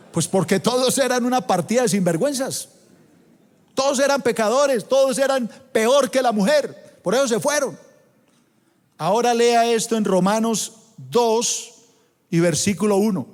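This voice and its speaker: A high-voiced man with a Colombian accent preaches a sermon to his congregation. He drawls out the scripture quotes for emphasis. His voice rings with the long reverb of a big church auditorium. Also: measured pace, long pauses. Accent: Colombian Spanish. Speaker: pastor.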